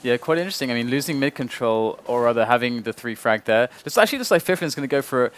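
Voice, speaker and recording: Man, esports caster, mid-pitched voice, analytical match commentary, explanatory phrasing, noticeable background noise with clicks. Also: expressive, fast.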